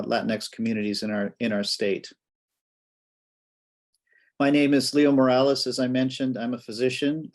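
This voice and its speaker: A man's voice: medium pitch, a little mellow. A man from Washington State giving a slide presentation as a physician and academic, with hesitant, conversational phrasing. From Washington State, United States.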